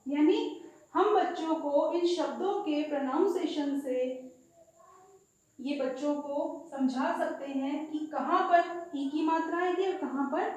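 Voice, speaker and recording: A woman teacher giving a patient lesson, slowly explaining and repeating example words aloud. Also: sits high, a little mellow. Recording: very echoey room.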